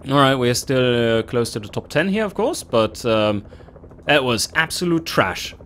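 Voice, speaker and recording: A man hosting a let's play, commenting casually on his gameplay, animated and quick to swear and laugh in frustration. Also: mid-range voice, slight background noise.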